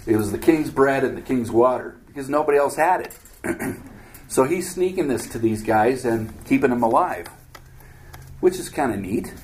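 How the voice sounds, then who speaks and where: A man's voice: mid-range voice, darkish tone, a little hiss or hum, rough recording. A man teaching a Bible study, reading scripture aloud and breaking in with casual, joking commentary. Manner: reads scripture aloud then adds joking asides, acts out voices.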